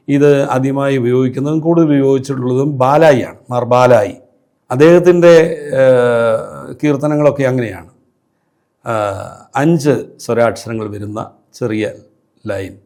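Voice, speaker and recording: A priest with a Kerala Malayalam accent giving a liturgy lesson, measured and explanatory, with frequent hesitation fillers. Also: male voice, mid-range voice, a little mellow. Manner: measured teaching with frequent fillers, briefly chants Syriac hymn lines. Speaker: priest lecturer. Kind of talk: liturgy lecture.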